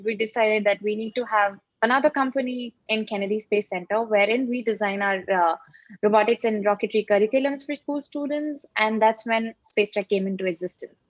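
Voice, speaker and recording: A woman's voice: a little high, no echo, highs cut off. A woman with an Indian accent giving a company presentation with slides.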